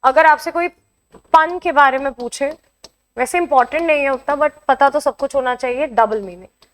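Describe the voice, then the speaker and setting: A woman's voice: high-pitched, normal speed. An Indian woman teacher explaining vocabulary in a lesson, switching between Hindi and English and checking in with her students as she goes. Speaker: exam coaching teacher. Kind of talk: online classroom lesson.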